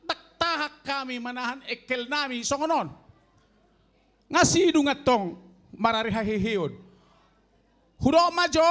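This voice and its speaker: An older man in his sixties with a Toba Batak accent, his voice sitting very high for a man. He tells a comic tale at an unhurried, drawn-out pace, addressing his listeners as elders. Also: fairly bright tone. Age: 60s. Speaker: elderly stand-up contestant. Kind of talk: stand-up comedy storytelling.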